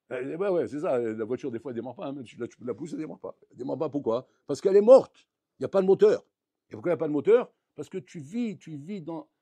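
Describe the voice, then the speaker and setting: A man, a rabbi, giving a lively Torah lesson, acting out little dialogues and swinging between loud outbursts and quiet asides. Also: mid-range voice, gravelly, husky, no room sound. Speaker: rabbi teaching a Torah class.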